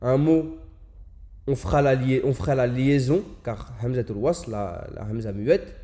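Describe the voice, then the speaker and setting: A man leads an Arabic lesson with a mellow, warm voice pitched in an ordinary middle range. He explains patiently, repeating the example words and drawing them out slowly so each sound can be heard. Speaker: Arabic teacher.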